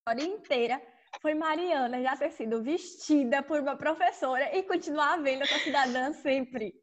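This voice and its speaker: A woman co-hosting a podcast talks in a relaxed, teasing way. Her voice sits a little high. It is easygoing podcast chat. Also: moderate pace. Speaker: podcast co-host. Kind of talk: casual chat.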